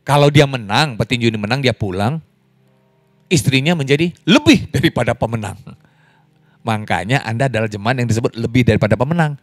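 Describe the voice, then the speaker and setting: A man preaching a lively sermon as pastor, in an online church service, joking and laughing with the congregation. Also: fairly quick, no room sound. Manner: animated, wide pitch swings, jokes and laughs.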